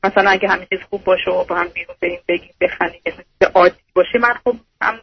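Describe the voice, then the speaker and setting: A woman's voice: lowish voice, steady tone, vocal fry, muffled recording. A young woman calling in to an advice show, hesitant and unsure of herself. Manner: hesitant, self-doubting. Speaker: caller. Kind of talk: phone-in call.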